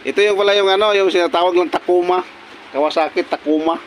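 A man's voice: sits high, quick pace, noisy background. A repair technician talking casually through fixing a pressure washer pump at his workbench, pointing out parts in short remarks. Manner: talks while working, many short pointing remarks. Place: workshop bench.

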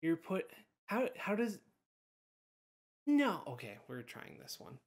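A man filming a casual home vlog, excitable and bursting into loud disbelief. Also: on the high side, moderate pace, a little hiss or hum. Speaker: video creator.

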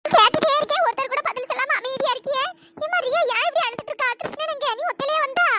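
A voice actor doing a squeaky cartoon grandmother. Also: fast. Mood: coaxing. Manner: coaxing, fussing questions. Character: elderly grandmother, scolding yet doting. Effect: pitch-shifted voice. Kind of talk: cartoon storytelling dialogue. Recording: loud background noise.

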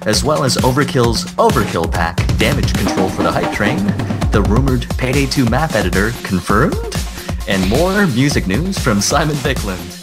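A man's voice: mid-range voice, sing-song, normal speed, loud music behind the voice. A man hosting a podcast in casual chat, opening the show in an upbeat, announcer-like way. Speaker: podcast host.

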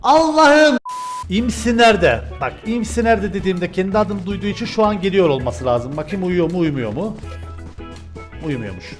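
A young man with a high voice talks over his own gameplay in a loud, joking, excitable way, often breaking into shouts. Faint music plays behind him. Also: fairly quick, hardly any pauses. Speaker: gaming streamer. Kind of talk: live gameplay commentary.

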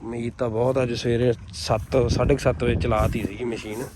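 A man's voice: mid-range voice, little pitch movement, a little fast. A man with a Punjabi accent in a casual, folksy farm vlog, chatting and calling out to workers in colloquial speech. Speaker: farm vlogger. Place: outdoors in farm fields beside a running harvester. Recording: loud machinery and vehicle noise outdoors.

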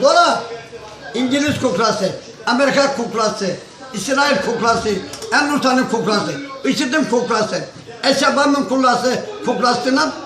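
An older man delivering an angry, insult-laden political rant, repeating lists in a chanting way. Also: very high voice. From Turkey. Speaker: local villager commenting on politics. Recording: echoey, crowd audible behind.

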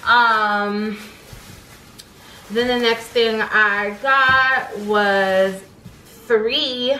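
A young woman vlogger rambles casually through a grocery haul in her kitchen at home, filling her chatty talk with lots of "um" and "like." Her fairly high voice is extremely slow, pushed and bright, with fairly even intonation. The low-quality recording, from a camera on the table in front of her, has an echoey room sound and slight background noise.

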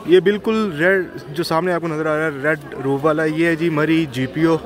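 At normal speed and with fairly even intonation, a man with a slightly high voice narrates a relaxed walking-tour vlog. He points out shops and food on a crowded hill-town street. Passers-by create a steady crowd noise around him.

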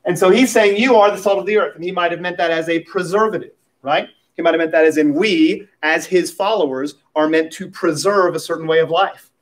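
A man's voice: on the high side, fairly quick. A man preaching a sermon at a pulpit microphone as pastor, talking in a conversational way with light humorous asides.

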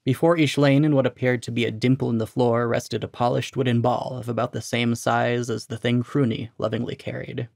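A man reads a short story aloud in a steady, even delivery at a middling pitch for a man. His voice has a gravelly, fry-edged texture, and the sound is dry and close, with almost no room in it. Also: a little fast, few pauses, no room sound. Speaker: narrator, story reader. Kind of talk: scripted narration of a short story.

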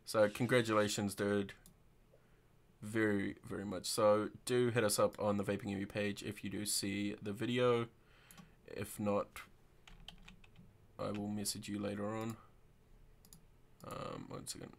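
In a fairly low, creaky voice with a level tone, a young man hosts an informal livestream video call from an indoor room, speaking unhurriedly and pausing often. His manner is casual and full of swearing.

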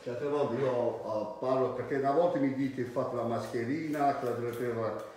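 A man, a hairdresser giving a casual, halting live demonstration in his salon. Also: medium pitch, fairly even intonation, darkish tone. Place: indoor hair salon. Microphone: phone held a short distance away. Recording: very echoey salon, faint background noise.

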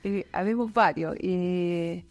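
A woman's voice: on the low side, takes it slowly. A woman in her fifties from Chile, a guest talking thoughtfully in an office studio interview, with many fillers and restarts. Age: 50s. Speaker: guest, company manager. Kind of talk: casual interview chat. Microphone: desk boom mic.

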